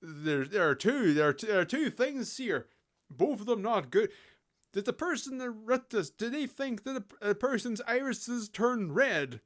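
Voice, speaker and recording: A British man reviewing a game in a relaxed, mocking tone, swearing freely between laughs. His voice sits high for a man. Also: measured pace. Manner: sarcastic, swears, laughs often. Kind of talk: casual game commentary.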